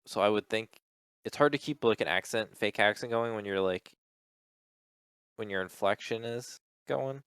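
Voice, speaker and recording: Smooth-voiced low man chatting casually. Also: moderate pace, long pauses, a bit bright, dry recording, studio quality. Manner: rambling storyteller who acts out quotes with swearing. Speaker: podcast co-host. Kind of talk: casual chat.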